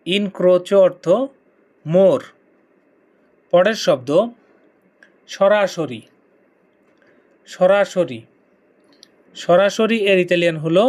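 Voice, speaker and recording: A man teaching vocabulary, saying each word several times in a slow, repetitive drill. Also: high voice, darkish tone. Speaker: language teacher.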